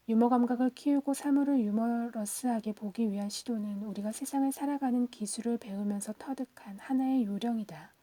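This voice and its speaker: Brief: woman, whispered audiobook reading, slightly high pitch, close and dry sound. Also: no echo. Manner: soft, hushed, steady reading. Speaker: audiobook reader.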